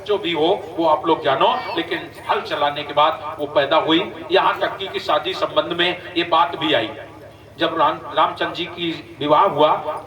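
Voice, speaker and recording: Male folk preacher, high voice, animated storyteller; distant mic, echoey room, crowd noise. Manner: animated storytelling, acting out characters' lines. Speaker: religious storyteller. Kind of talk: folk sermon to a gathering.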